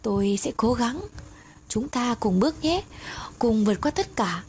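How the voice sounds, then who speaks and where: A woman's voice: on the high side, lively intonation, a little slow, darkish tone. A woman doing a frightened, guilt-ridden young woman. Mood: grateful. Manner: fearful, pleading. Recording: noisy background hiss.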